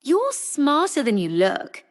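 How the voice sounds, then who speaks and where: A woman's voice: high voice, wildly swooping pitch, takes it slowly, long reverb tail, pitched above the performer's own voice, heavily acted. A woman voicing a big, blunt, cheerful young male soldier, eager in his speech. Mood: excited.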